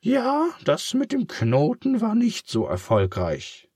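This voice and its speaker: Brainy storybook pig, squeaky high, patient and kind, dry close sound. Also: male voice, wildly swooping pitch, slow pace, breathy edge, no room sound, exaggerated voice. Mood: comforting. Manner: high squeaky voice, gently exasperated. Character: clever male pig, patient and kind, loves poetry. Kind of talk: storybook reading.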